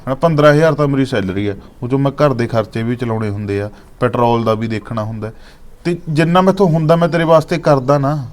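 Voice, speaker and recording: An actor playing a patient young husband who pleads and soothes, with a Malwa Punjabi accent, in a Punjabi short drama. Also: male voice, medium pitch, fairly even intonation, quick pace, lightly acted. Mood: reasoning. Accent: Punjabi, Malwa region. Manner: pleading, soothing, keeps offering tea.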